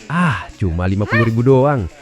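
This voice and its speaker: A man's voice: on the low side, expressive, moderate pace, faint music behind, natural voice. A man voicing a lecherous office boss who speaks curtly. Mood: stern. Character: lecherous male office boss, stern then flustered.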